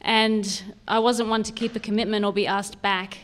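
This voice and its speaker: In a medium-pitched voice with fairly even intonation and a moderate pace, a woman in her thirties talks informally to an audience. She's from Sydney, sounds Australian with a touch of Canadian, and is a guest speaker at a recovery convention, telling her personal story in a candid, lightly funny, conversational way.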